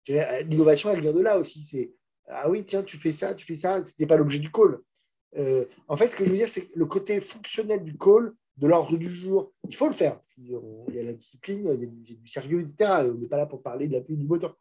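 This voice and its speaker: Chatty man, husky and mellow. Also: fairly high pitch, animated, fast talker. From France. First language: French. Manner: frank, chatty, many restarts and fillers. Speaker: managing director and guest speaker. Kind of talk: casual master class talk to students.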